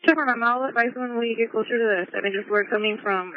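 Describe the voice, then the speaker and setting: A woman police officer speaking in brisk radio codes, heard over a police walkie-talkie. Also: fairly high pitch, noisy background. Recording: tinny phone-like radio transmission.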